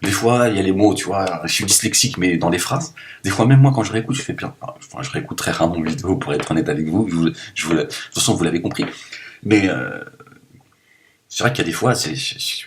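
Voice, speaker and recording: A man talking straight to his viewers in a loose, rambling monologue, joking and swinging between loud bursts and low mumbles. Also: fast. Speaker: video blogger.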